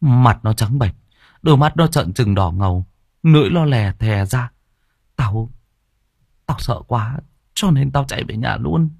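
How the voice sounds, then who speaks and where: A man voicing a big, burly teenage boy who stammers and talks in a hushed, scared way in an audiobook. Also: medium pitch, expressive, normal speed, dry recording, studio quality. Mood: frightened. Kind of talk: audiobook character voice.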